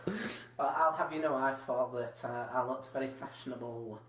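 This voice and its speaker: A young man hosts a casual comedy podcast, rambling and hedging with plenty of "like"s. His mid-range voice is slightly bright and moves at a normal speed. The room gives a roomy echo with a faint hum underneath.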